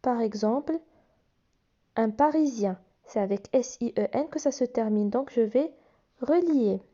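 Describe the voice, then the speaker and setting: A woman's voice: fairly high pitch, measured pace, dark tone, highs cut off. A woman teacher walking young children through phonics exercises, patiently spelling out letters and sounds. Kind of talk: phonics lesson explaining workbook exercises.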